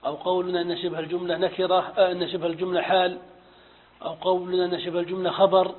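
A man's voice: high voice, little pitch movement, racing. A man teaching Arabic grammar in a methodical lecture, asking and answering his own questions and repeating key terms. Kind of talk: classroom lecture on morphology and syntax. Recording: phone-like audio with long hall reverb.

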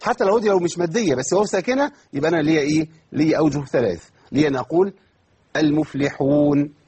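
In an online Quran recitation lesson, an Egyptian man with an Egyptian Arabic accent talks at a fast clip, his very husky voice slightly high and darkish in tone. He keeps answering his own questions and pulls words out slowly as demonstrations.

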